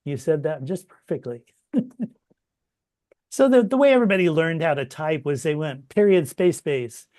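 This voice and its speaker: A middle-aged man teaching a copyediting workshop over a video call, relaxed and chatty, with many fillers and restarts. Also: on the high side, moderate pace. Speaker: workshop instructor. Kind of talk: informal online workshop teaching.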